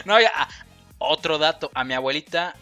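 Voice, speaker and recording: A man's voice: fairly high pitch, expressive, normal speed, music in the background. A young man with a Mexican accent, co-hosting a casual chat, slangy and joking, laughing often. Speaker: co-host.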